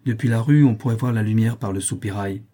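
A man reading the part of a secretive guide who gives a hiding family brisk, low-key instructions. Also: mellow, husky. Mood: reassuring.

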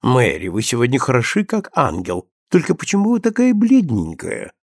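A man's voice: mid-range voice, wildly swooping pitch, normal speed, creaky, no echo, clean studio sound, exaggerated voice. A man voicing an envious young woman who makes snide, needling remarks.

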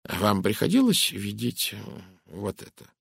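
A man voicing a stern, fussy older Belgian detective in an audiobook, asking measured questions. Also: on the low side, huge pitch swings, gravelly, fairly bright tone, breathy edge, no echo, studio quality, exaggerated voice. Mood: probing.

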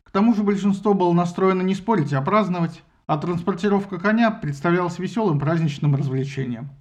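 A man narrating an audiobook with a lively, ironic storytelling manner. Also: high voice, brisk.

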